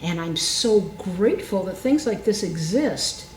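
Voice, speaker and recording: A woman's voice: medium pitch, animated, a little slow, darkish tone. Enthusiastic woman guest in an echoey room. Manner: enthusiastic, reflective. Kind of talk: casual chat. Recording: echoey room with faint noise.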